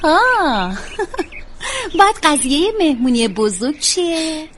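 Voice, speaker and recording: A high-voiced teasing woman. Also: sing-song. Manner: teasing, scolding, playful. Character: teasing, kindly woman coaxing a sulky girl.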